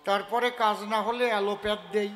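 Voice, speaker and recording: Man, folk poet on stage, joking and lecturing, high bright voice, hall echo. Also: little pitch movement, fairly quick, faint music behind, some chatter behind. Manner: joking, earthy, teasing the audience, then lecturing. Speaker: kobigaan folk poet performer. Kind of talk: stage storytelling to a live audience.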